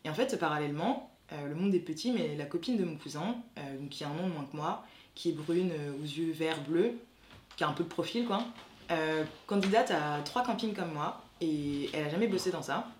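A woman's voice: sits low, animated, fairly quick, a little mellow. A woman in her twenties from France, a master's student recounting an experience with many fillers, becoming livelier as she retells a conversation. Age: 20s. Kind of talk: testimony to camera. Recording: echoey room with faint noise.

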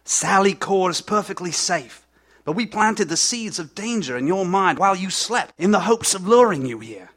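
Man doing a calm mysterious elder, high-ish voice, slow and knowing. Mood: solemn. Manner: measured, solemn, knowing. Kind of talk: live audio drama acting.

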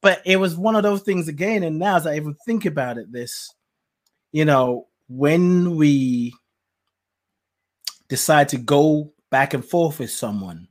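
In a slightly high voice and at a measured pace, a man who grew up in Nigeria shares his life story as a guest. He's reflective and laughs often during this conversational storytelling.

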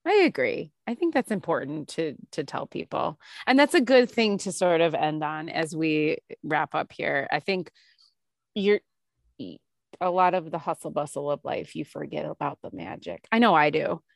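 A woman's voice: low-pitched, animated, normal speed, vocal fry, no echo, clean studio sound. A woman hosting a podcast in casual chat, playful and joking, laughing often. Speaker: podcast host.

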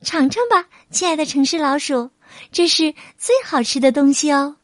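Woman voicing a sweet, high little country mouse. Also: animated, moderate pace, no echo. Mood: welcoming. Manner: gentle, childlike and eager. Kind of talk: storybook reading for children.

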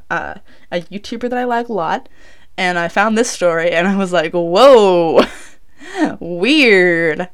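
A woman's voice: mid-range voice, smooth. A young woman recorded inside a closet, telling true crime stories casually as a podcast host, informal and often tripping over and correcting her words. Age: young adult.

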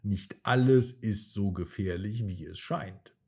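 A man voicing a gentle, cheerful young woman. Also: on the low side, takes it slowly, creaky, slightly rough, heavily acted. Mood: reassuring. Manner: soothing, reassuring.

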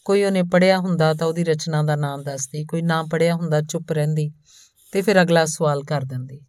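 A woman narrating a story in a calm, even storytelling manner, reading both the man telling it and the woman he meets. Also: sits low, fairly quick, dry recording, studio quality. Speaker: audiobook narrator.

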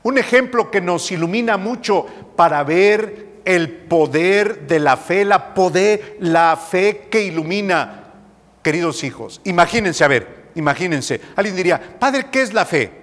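A man, a priest, preaching a slow, emphatic sermon. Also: sits high, a bit bright, big-room sound. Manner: slow, emphatic preaching with dramatic acted quotes.

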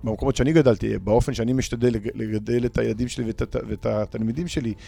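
Man, educator on a panel, gravelly voice, mid pitch, earnest, halting restarts. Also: steady tone, dark tone, soft background music. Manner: earnest, restarts words while searching. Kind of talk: reflective panel discussion.

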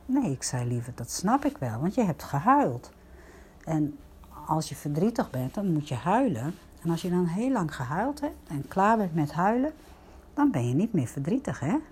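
An older woman, a grandmother, gently telling viewers a personal story in a reflective, casual way. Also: on the low side, big pitch swings, moderate pace, husky.

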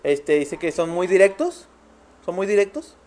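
A man's voice: sits high, big pitch swings, darkish tone. Joking Mexican man co-hosting. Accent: Mexican Spanish. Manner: jokey, acts out characters in quick bits. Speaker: podcast co-host. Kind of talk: casual banter.

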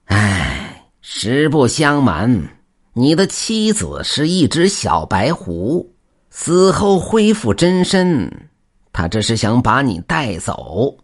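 A man voicing a sinister old Taoist priest in an audio story, speaking slowly and menacingly with drawn-out words. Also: medium pitch, wildly swooping pitch, pitched above the performer's own voice, exaggerated voice. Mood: grave.

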